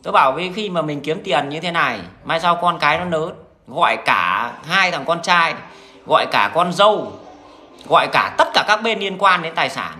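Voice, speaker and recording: A man's voice: a little high, lively intonation, normal speed, pushed and bright. A man with a Northern Vietnamese accent, talking to his viewers in a blunt, crude, rambling monologue full of restarts. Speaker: vlogger addressing viewers.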